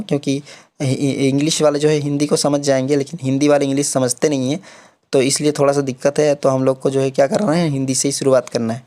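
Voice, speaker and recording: Speaking at a medium pitch in a mellow tone, this young man runs a relaxed exam-prep session online. His Hindi explanations are laced with English terminology and frequent check-ins of "theek hai."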